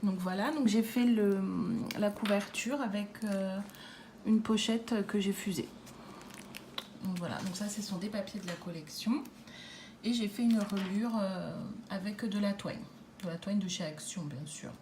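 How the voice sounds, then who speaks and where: A woman presenting a handmade scrapbook album in a casual way, pausing often with fillers and restarts. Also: medium pitch, noisy background. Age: adult with a daughter. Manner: hesitant, many fillers and restarts. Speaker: scrapbooking vlogger. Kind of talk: casual craft show-and-tell.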